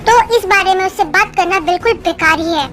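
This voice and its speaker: A woman's voice: very high-pitched, quick pace. A woman voicing a stern but caring older sister who scolds and lectures her brother, in a fan dub drama. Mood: scolding. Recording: background music under voice. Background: music.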